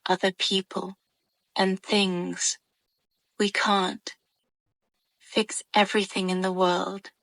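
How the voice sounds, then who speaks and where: A woman guides a meditation, narrating soothingly and calmly in short, measured phrases with gentle pauses. Her medium-pitched voice is creaky, and the recording is dry.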